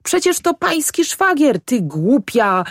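A woman voicing an excitable middle-aged male peasant farmer who speaks in rustic dialect, grumbling and shouting at times. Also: deep voice, a little slow, no room sound, clean studio sound, exaggerated voice. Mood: angry shouting.

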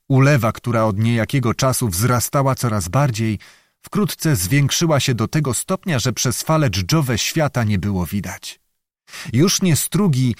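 A man reading a historical novel aloud as an audiobook narrator, in a measured, dramatic way. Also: mid-range voice, no echo, studio quality.

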